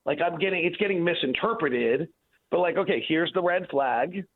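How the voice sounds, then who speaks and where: This man's voice is a little high and moves at a moderate pace, coming through a tinny phone-like line. As a radio guest offering conversational sports analysis, he argues emphatically and repeats points for stress.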